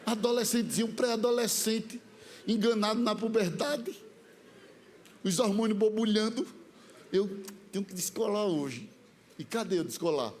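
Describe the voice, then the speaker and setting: A man with a Brazilian accent preaching a sermon as comic, lively storytelling. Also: sits high, moderate pace, long pauses, a little hiss or hum. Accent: Brazilian Portuguese. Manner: lively, comic storytelling that mimics the voices he describes. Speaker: pastor.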